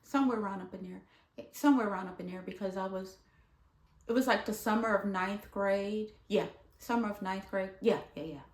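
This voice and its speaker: A woman vlogger telling a story from her school days in a casual, animated way, jumping high in pitch when she quotes people. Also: fairly quick, echoey room.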